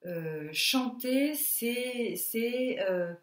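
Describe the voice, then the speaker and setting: A woman teaching a singing lesson, coaching breathing and relaxation in a slow, calm way and demonstrating sung sounds. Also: a little high. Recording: echoey room.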